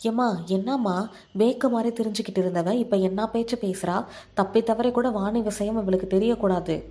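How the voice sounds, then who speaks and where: A man's voice: high-pitched, moderate pace, mellow, natural voice. A woman voicing a hot-tempered young village man who bullies his sister, speaking harshly and scolding. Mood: angry.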